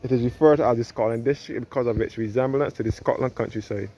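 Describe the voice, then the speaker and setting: Outdoors in a cliffside churchyard, a fast-talking travel vlogger with a dark-toned, medium-pitched voice leads an informal walking tour, repeatedly restating what he says. The audio comes from his handheld phone, sounding dull and lo-fi with background noise.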